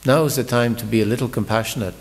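A man's voice: mid-range voice, fairly even intonation, quick pace, in a large hall. A man giving a morning scripture class, talking in a conversational storytelling sermon, often repeating words as he restarts. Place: large temple hall.

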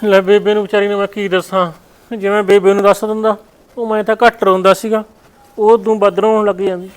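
A man's voice: sits high, level tone, a little fast, clean tone, close to an everyday voice. A man playing a sad grown son who evasively denies crying to his mother in a family short drama. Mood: sorrowful. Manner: evasive and defensive. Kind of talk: family short-video acting.

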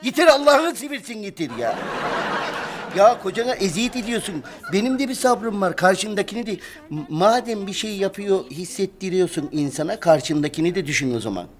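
A man's voice: sits high, animated, fairly quick, a little hiss or hum. An actor playing Erman, an exasperated middle-aged husband who pleads and grumbles at his wife, in a sitcom. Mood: pleading. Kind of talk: sitcom acting. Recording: audience laughter behind. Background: studio audience laughing.

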